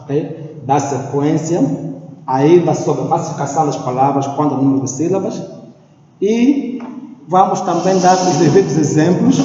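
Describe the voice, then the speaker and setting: A man's voice: on the high side, dark tone. Echoey distant male teacher. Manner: repeats key terms, checks in with "ok?". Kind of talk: classroom grammar lesson. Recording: roomy echo, distant, dull lo-fi, faint noise.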